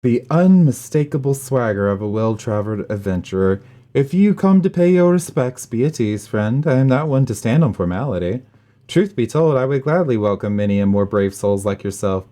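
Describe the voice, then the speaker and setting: A man's voice: medium pitch, animated, moderate pace, mellow, close to an everyday voice. A man voicing a gallant, welcoming male knight commander, reading game dialogue aloud in a formal, dramatic tone.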